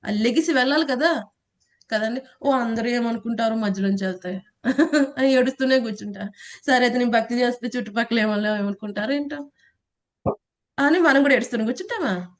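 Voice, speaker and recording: Brief: woman scripture teacher, fairly high voice, chatty lecture style, questions the class. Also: fairly quick, long pauses. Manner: conversational, asks the class questions, laughs, acts out quotes. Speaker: Gita teacher.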